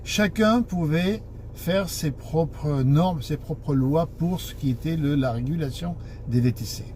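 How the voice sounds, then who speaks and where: Halting man in broken French, slow-paced. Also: a little high, a little mellow, a little hiss or hum. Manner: halting, broken French with word searching and grammatical slips. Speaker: taxi association board member and spokesman. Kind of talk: informal explanatory address.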